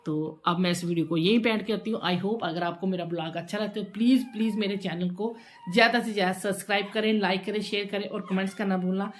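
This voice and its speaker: A chatty woman vlogger speaks in a casual, emotional way. Her pitch sits in an ordinary middle range, and she tends to repeat phrases as she talks. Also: fairly even intonation, quick pace, a little hiss or hum. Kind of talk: casual home vlog chat.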